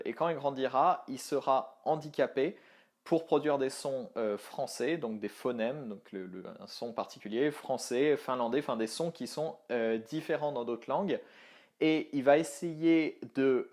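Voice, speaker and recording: Casual man teaching, full of fillers. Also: mid-range voice. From France. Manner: animated, thinking aloud with many fillers and restarts. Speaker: language teaching coach. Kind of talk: casual online video lesson.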